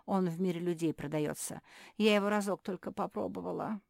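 A woman's voice: on the low side, fairly quick, gravelly, a little mellow, no echo, clean studio sound. A woman voicing a cheerful female dog seamstress who chatters eagerly about sweets in a storybook. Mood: chatty.

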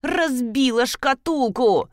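A woman's voice: expressive, slow pace, no echo, clean studio sound. A woman reading an audiobook, voicing a stout, spiteful female worker who shrieks insults. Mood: shrieking anger. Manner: shrill, shrieking.

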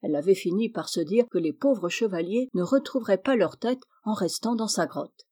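Mellow-voiced woman reading a novel. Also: medium pitch, moderate pace. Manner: expressive, lifts her voice for characters. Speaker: audiobook reader. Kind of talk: storybook narration.

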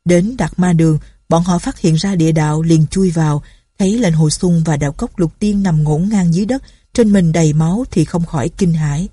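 A woman narrating a martial arts novel as an audiobook in a steady storytelling manner. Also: fairly low pitch, brisk, husky, no echo, studio quality.

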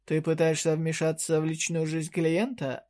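A man's voice: on the high side, monotone, normal speed, darkish tone, close to an everyday voice. A reader voicing a blunt young male hero. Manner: dry, blunt retorts. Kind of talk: audiobook character reading.

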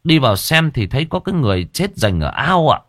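A man's voice: medium pitch, sing-song, brisk, a bit bright, dry recording, clean studio sound, voice pushed up. A male narrator voicing a villager who hesitantly hurries to report something grim. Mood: uneasy. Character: uneasy villager bringing grim news.

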